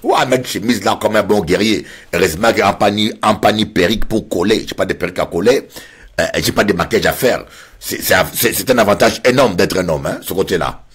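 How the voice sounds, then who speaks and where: A man's voice: fairly low pitch, fairly quick, slightly rough. A man with a French Caribbean accent preaching a sermon, telling a funny story and acting out the voices in it. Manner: animated, acts out voices in anecdotes. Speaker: pastor.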